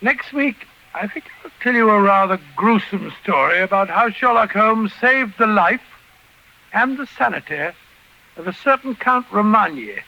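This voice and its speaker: An actor playing a blustery, fussy British gentleman doctor and loyal companion in a 1940s radio drama, given to stammering. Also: sits high, lively intonation, unhurried, vocal fry, muffled recording, exaggerated voice. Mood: genial storytelling. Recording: noisy old 1940s radio recording.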